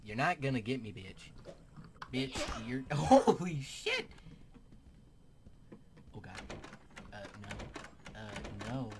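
A man's voice: mid-range voice, noisy background. A young man giving crude, joking gaming commentary, swearing often and dropping into whispered asides. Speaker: gaming YouTuber. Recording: keyboard clicks and typing behind voice.

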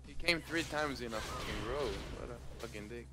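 A man gaming with his team, excitable and swearing often as the match swings. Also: mid-range voice, brisk, music in the background. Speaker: gamer in voice chat. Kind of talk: casual team chat while gaming.

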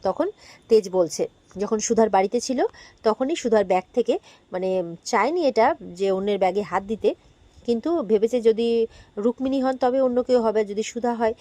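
Woman narrator, somewhat high voice, mellow tone, dry close sound, chatty retelling with restarts. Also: no echo. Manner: retells dialogue with frequent restarts and fillers. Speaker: serial recap narrator. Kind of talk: casual storytelling recap.

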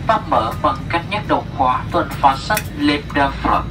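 A Vietnamese-accented man reads a flight safety demo as a cabin crew announcement, in a slightly high voice. The scripted delivery comes over the aircraft PA, picked up from some distance with clear cabin noise around it. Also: animated, normal speed. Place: inside an airliner cabin. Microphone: cabin PA picked up by distant camera. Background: loud aircraft ambience.

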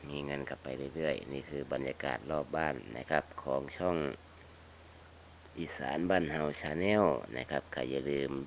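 Outdoors around a house, a man from northeastern Thailand hosts a folksy video channel, chatting casually and repetitively to viewers as if they were family. He has a very deep voice with an Isan accent and speaks at normal speed over slight background noise.

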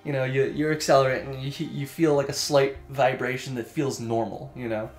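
A man's voice: mid-range voice, level tone, a little fast, echoey room, faint music behind. A man co-hosting a podcast, chatting casually about video games and laughing often. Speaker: podcast co-host.

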